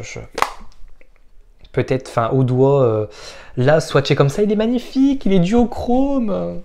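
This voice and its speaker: A man's voice: medium pitch, darkish tone, slight background noise. A man giving a casual makeup product review, frank and opinionated, with frequent hesitant fillers. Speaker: makeup vlogger.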